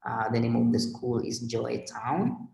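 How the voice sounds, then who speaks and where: A man from Kenya with a Kenyan accent, a guest on a remote video interview, speaking in a measured way with many pauses and fillers. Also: mid-range voice, fairly even intonation, creaky, darkish tone, echoey room, poor audio. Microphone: video call.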